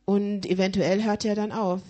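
A woman's voice: medium pitch, little pitch movement, moderate pace, mellow. A woman interpreting a sermon live, hesitant, with frequent fillers and restarts as she searches for words.

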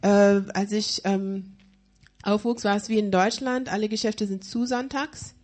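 A woman's voice: medium pitch, steady tone, unhurried, darkish tone. A woman interpreting a sermon live, hesitant, with frequent fillers and restarts as she searches for words.

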